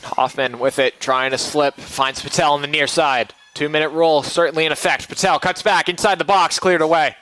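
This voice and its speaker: A man's voice: on the high side, fairly even intonation, a little fast, few pauses, bright, forceful tone. A man calling live soccer play-by-play in clipped, running phrases. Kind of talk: live sports commentary.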